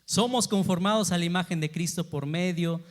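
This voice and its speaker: High-voiced pastor preaching in a reverberant church. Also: male voice, a little fast. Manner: rhetorical questions to the congregation, shifts between loud emphasis and quiet asides. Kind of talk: sermon. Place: church sanctuary.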